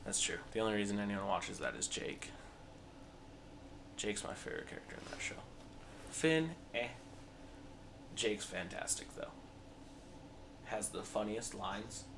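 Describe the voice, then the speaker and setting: A young man hosts a casual podcast with a low voice that has a gravelly edge. He teases his guests and argues his case with conviction. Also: a little slow, long pauses, background noise. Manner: teasing, argumentative. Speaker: podcast host. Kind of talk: casual chat.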